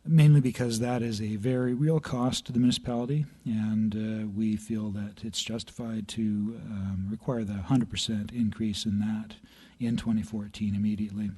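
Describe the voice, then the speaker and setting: Hoarse man presenting a budget report. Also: on the low side, flat delivery, mellow. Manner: halting, many fillers, clears throat. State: slightly hoarse. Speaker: city planning staff presenter. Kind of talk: reading a budget report at a council meeting. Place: council chamber. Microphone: meeting room microphone.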